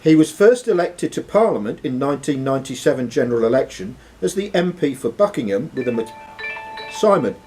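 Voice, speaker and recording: Faint music plays behind a man hosting a live quiz in a club room, and the recording quality is low. As he reads questions and judges answers, his mid-range voice swings widely in pitch, fairly quick and a little mellow.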